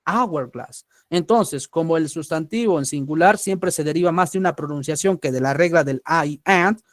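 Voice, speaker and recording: A man from Peru teaching an English grammar lesson, patient, checking in often with "¿sí?" and repeating example words slowly. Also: a little high, dry recording, studio quality.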